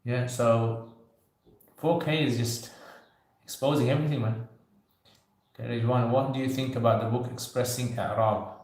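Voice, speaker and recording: The voice belongs to a man in his thirties hosting a laid-back livestream Q&A for viewers, heard in a very echoey room. It's medium-pitched and darkish, with fairly even intonation, normal speed, and frequent pauses. He chats loosely, joking lightly and leaning on "you know."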